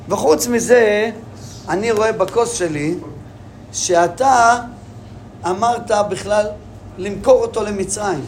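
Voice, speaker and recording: A mocking ruler of Egypt who needles and teases with every line, as a teacher acts him out. He speaks in a raised, high register and keeps firing questions. It sounds like a lesson-room retelling, with a faint hiss behind it. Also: close to an everyday voice. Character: mocking, all-knowing male ruler of Egypt.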